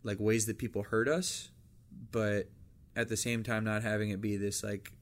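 A man's voice: on the low side, little pitch movement, normal speed. Casual rambling young man. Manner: rambling, restarts often, reads out a list. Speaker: podcast co-host. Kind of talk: casual chat.

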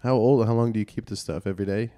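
A podcast host asking quick, joking questions in a casual chat. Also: mid-range voice, steady tone, dark tone.

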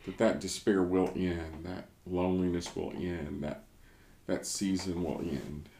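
A very low-pitched man talks through faith in an easygoing, thoughtful way. He is an American pastor who often restarts his sentences as he searches for the right words. His voice bounces around a roomy, echoing space. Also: steady tone, measured pace, vocal fry, mellow. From United States. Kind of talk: casual devotional discussion.

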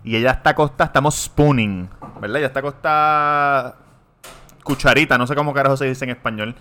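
A man's voice: mid-range voice, fairly quick, pushed and bright. A man chatting on a podcast, telling rowdy stories and laughing through them. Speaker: podcast co-host. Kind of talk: casual chat, telling a bawdy anecdote.

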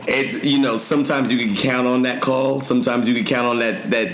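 A man answering interview questions as a guest, relaxed and thoughtful, with frequent "um" pauses. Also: medium pitch, echoey room, slight background noise. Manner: relaxed, thoughtful, hesitant fillers. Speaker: guest, gym owner.

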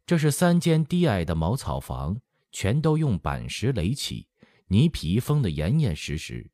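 A man with a fairly low voice narrates a historical novel as an audiobook, taking his time. He tells the story expressively and acts out the quoted lines, recorded with dry, close studio sound.

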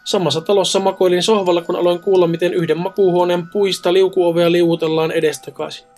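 A man's voice: sits high, flat delivery, a little mellow, faint music behind. A man reading ghost stories aloud in a casual podcast chat, adding wry jokes between them. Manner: joking, wry asides. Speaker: co-host reading listener stories.

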